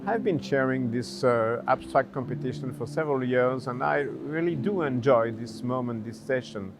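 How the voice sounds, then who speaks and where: A man who chairs a competition session, speaking in relaxed interview remarks. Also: mid-range voice, normal speed. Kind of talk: interview answers. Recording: music bed underneath.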